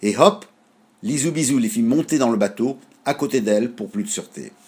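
A man reading a children's story aloud with a husky voice, in an animated, expressive way. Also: medium pitch, fast talker.

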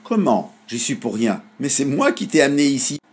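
A man voicing a cheerful, bossy seagull in a storybook reading, with a husky voice and a lively, exclaiming manner. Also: medium pitch, normal speed, voice pushed up. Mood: defensive.

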